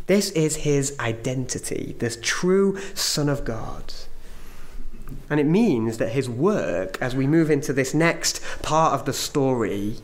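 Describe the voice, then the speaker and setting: A man preaching a sermon, phrasing his points emphatically with measured pauses. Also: mid-range voice, expressive.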